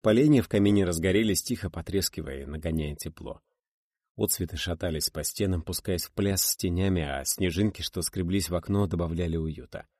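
A man reading a first-person novel aloud as an audiobook narrator, measured and expressive. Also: low-pitched, dry recording, studio quality.

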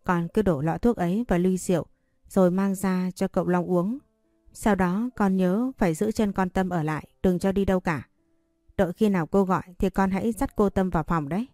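A woman's voice: on the low side, fairly quick, mellow, no room sound, clean studio sound, soft background music, lightly acted. A woman reading a story voicing a scheming woman who coaxes a servant over the phone. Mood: coaxing. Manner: coaxing, persuasive.

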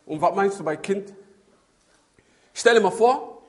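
This is a preacher's religious talk on bringing up children, given in a man's high-sitting, unhurried voice. He narrates stories with animation and changing emphasis, weaving in phrases of religious Arabic.

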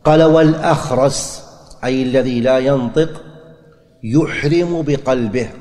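Male religious teacher, mid-pitched, methodical and repetitive delivery, long hall reverb. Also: a little mellow. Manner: deliberate explaining, repeats key phrases, asks and answers his own questions. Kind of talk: classroom lecture on religious rulings.

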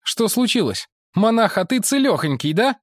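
A man voicing an injured, hot-tempered male pilot who frets and curses loudly. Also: sits high, big pitch swings, normal speed, no room sound, clean studio sound, pitched above the performer's own voice. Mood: confused. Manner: agitated, cursing, shouting.

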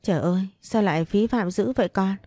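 A woman voicing a sharp-tongued older mother-in-law who hurls insults in a storybook reading. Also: fairly low pitch, normal speed, dry recording, clean studio sound, lightly acted. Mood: scornful. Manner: harsh, insulting.

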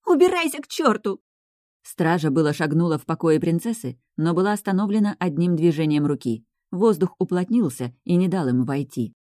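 Low-voiced woman narrating a novel. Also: brisk, few pauses, mellow, no room sound, clean studio sound. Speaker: audiobook narrator. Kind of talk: scripted narration.

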